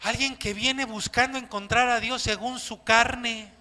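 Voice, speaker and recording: A Mexican pastor preaches with a strikingly high, bright voice that rings through a reverberant church hall. He acts out little scenes and questions his congregation as he goes. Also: measured pace. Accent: Mexican Spanish. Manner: animated preaching with acted-out quotes and questions to the congregation. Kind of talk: sermon.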